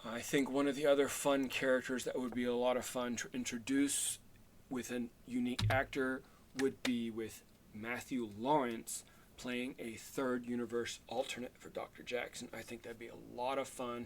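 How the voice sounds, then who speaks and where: A man's voice: medium pitch, a bit bright. A man with an ordinary mid-range voice talks to his camera in a loose, unscripted way, stopping and starting as he thinks aloud. He keeps coming back to his points with eager enthusiasm, full of fillers and restarts. A faint hiss sits under the recording. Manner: rambling and hesitant, many fillers and restarts, enthusiastic. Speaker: video creator pitching fan ideas. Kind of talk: casual solo talk to camera.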